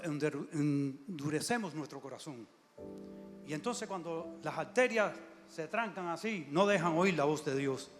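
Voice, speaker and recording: A man preaching a fervent sermon in a church, calling out amen and hallelujah often. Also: fairly high pitch. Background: soft instrumental music.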